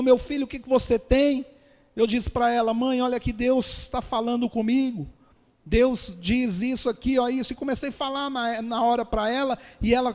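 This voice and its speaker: A man's voice: extremely high pitch, darkish tone. A pastor, telling his personal testimony to a church congregation in an earnest storytelling manner and often calling them brothers. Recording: long reverb of a hall.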